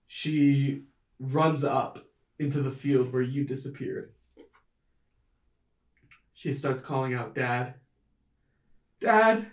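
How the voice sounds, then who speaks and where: A man narrating a tabletop game as game master, in a measured, descriptive storytelling manner. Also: medium pitch, level tone, a little mellow, recorded from a distance. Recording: roomy, mic set back.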